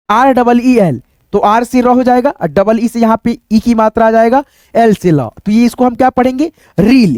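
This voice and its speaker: A high-pitched man with a darkish tone leads an online phonics class, recorded clean in a studio with no echo. As an English teacher, he spells each word letter by letter and asks questions before repeating the answers. Tag questions aimed at viewers, whom he addresses as friends, come up often.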